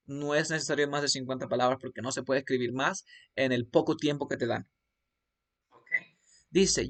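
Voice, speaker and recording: A man whose first language is Spanish teaches an online English test-prep class over screen share. His voice is on the high side and a bit bright, and he explains things step by step, often checking in with the student.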